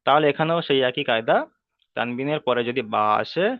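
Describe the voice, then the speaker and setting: A man teaching a Quran reading lesson, patiently repeating each rule, asking checking questions and chanting Arabic sounds slowly when he models them. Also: medium pitch, no echo. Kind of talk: online tajweed lesson. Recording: dry, tinny phone-like sound.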